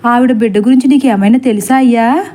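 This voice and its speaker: A woman voicing a bold, gossipy village wife who talks briskly and rustically. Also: on the high side, fairly even intonation, warm tone, natural voice. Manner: brisk, whispering secrets, rustic. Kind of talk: storybook acting.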